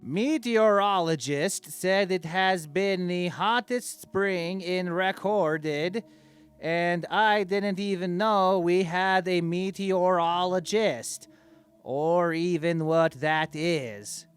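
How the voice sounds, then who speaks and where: High, smooth-voiced vain tyrant king played by a man, oblivious and deadpan in comic fantasy audio diary. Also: slow pace. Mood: oblivious, matter-of-fact. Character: vain, childishly oblivious male dark-lord dictator king.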